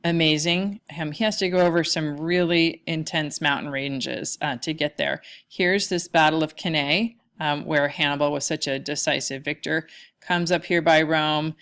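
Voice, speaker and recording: Low-voiced woman lecturing casually. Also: steady tone, normal speed, fairly bright tone. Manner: casual, with many fillers. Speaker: history teacher. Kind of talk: lecture over slides. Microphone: lecture recording mic.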